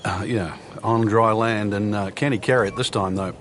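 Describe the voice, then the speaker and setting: A man's voice: fairly low pitch, steady tone, normal speed, fairly bright tone, natural voice. A man working as a golf analyst in a video game, explaining play in an easygoing, conversational commentary style. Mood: easygoing, analytical.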